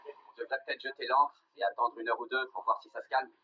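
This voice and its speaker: A man talks in a nature documentary as a member of the film crew. His voice is medium in pitch, and the sound is a little dull. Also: fast talker, slight background noise. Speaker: underwater cameraman. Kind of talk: nature documentary interview and field talk.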